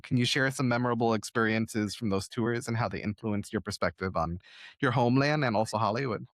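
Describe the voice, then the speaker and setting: A man's voice: lowish voice, fairly quick, no echo, clean studio sound. A man hosting a podcast, asking questions and affirming his guest attentively. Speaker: podcast host. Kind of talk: podcast interview.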